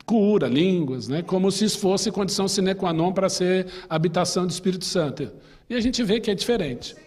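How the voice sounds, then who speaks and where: Teaching a Sunday school class, a Brazilian-accented pastor talks in an easygoing, animated way, a little fast, questioning the group and sharing stories from his life. His somewhat high voice has a husky, breathy, slightly mellow quality, and the church hall adds long reverb to every phrase.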